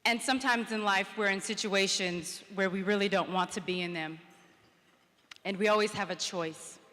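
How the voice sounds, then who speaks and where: A woman's voice: mid-range voice, normal speed, fairly bright tone. A woman in her thirties giving a motivational conference speech, telling a personal story and acting out the quotes. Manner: storytelling, acts out quotes with rising energy. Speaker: public speaker. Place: conference hall, indoors. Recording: reverberant conference hall.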